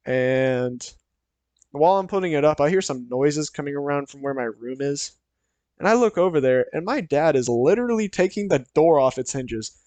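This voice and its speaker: A man's voice: fairly high pitch, a little mellow, clear, resonant tone, dry recording. A young man casually telling a personal story, rambling along with lots of "so" and "like". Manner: rambling, full of "so" and "like".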